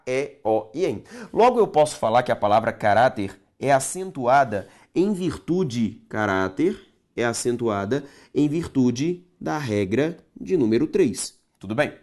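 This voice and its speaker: A Brazilian man teaching grammar online, his pitch swinging widely up and down as he explains. He speaks straight to his viewers, checks often that they follow, and drags out key words slowly to make them stick. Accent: Brazilian Portuguese. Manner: animated, stretches key words slowly for emphasis; addresses viewers directly, checks understanding often.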